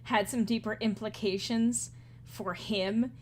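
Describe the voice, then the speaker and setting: A woman narrating a tabletop game as game master, relaxed and chatty, often laughing. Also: mid-range voice, takes it slowly, a little hiss or hum.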